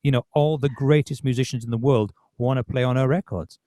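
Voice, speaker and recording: A man's voice: mid-range voice, steady tone, fairly quick, warm tone, dry recording, clean studio sound. A man hosting a podcast, talking casually about music with many restarts. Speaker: podcast host.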